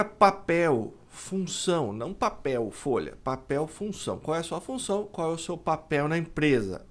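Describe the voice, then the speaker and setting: Lively Brazilian man teaching English sounds. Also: a little high. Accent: Brazilian Portuguese. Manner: explains slowly, drawing out words to model pronunciation. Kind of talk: pronunciation lesson.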